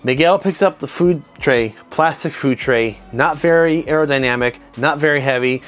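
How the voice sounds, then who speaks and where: Man, 30s, martial arts instructor, animated analytical commentary, lapel mic, home studio, faint background music. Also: a little high, moderate pace. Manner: animated, conversational, self-described nitpicker. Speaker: martial arts instructor reviewing fight scenes. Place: home studio room with desk lamp and monitors. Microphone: clip-on lapel mic.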